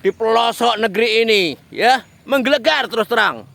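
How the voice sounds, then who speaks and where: A man's voice: very high voice, lively intonation, normal speed, vocal fry, bright, forceful tone, dry recording. A man giving a political commentary monologue, speaking straight to a politician and repeating phrases for emphasis. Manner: addresses a politician directly, repetitive emphatic phrasing.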